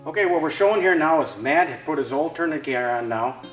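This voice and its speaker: Distant firefighter, roomy, explaining gear. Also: male voice, fairly high pitch, animated, brisk, fairly bright tone, soft background music. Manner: patient, explaining step by step. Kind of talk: fire safety demonstration for children.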